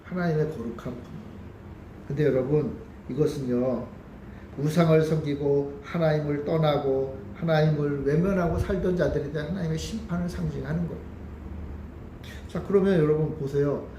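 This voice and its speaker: A man with a slightly high, warm voice and a moderate pace preaches the Sunday sermon as pastor, questioning and addressing his congregation in the sanctuary. The echoey church hall has faint ambience, with a little hiss or hum.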